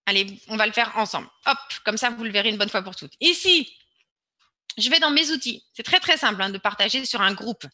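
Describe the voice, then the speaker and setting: A woman's voice: fairly high pitch, a little fast, sharp tone, no echo. A woman presenting an online webinar and walking viewers through a screen-share demo, urging them on and repeating words for emphasis.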